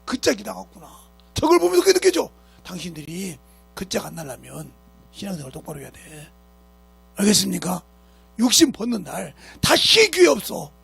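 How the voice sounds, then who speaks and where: A man's voice: sits high, wildly swooping pitch, moderate pace, vocal fry, fairly bright tone, breathy edge, soft background music. A man preaching a sermon as pastor, emphatic and scolding, who keeps asking his congregation rhetorical questions. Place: church sanctuary.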